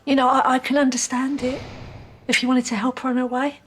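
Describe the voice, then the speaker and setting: A woman's voice: high-pitched, flat delivery, fairly quick, a little hiss or hum, lightly acted. An actress playing a frightened, tearful pregnant woman held for murder, pleading and anxious. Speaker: murder suspect in custody.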